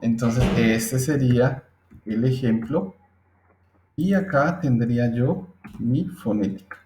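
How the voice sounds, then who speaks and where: A male teacher explains a lesson in a slow, patient way, often checking in with his listeners. His voice is mellow and low-key. The recording has a roomy echo. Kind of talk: screen-recorded English phonetics lesson.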